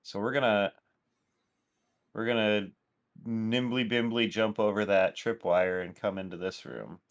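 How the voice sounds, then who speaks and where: A man playing in a tabletop game, calmly explaining his character's moves. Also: lowish voice, measured pace. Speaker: player. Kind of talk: casual tabletop play.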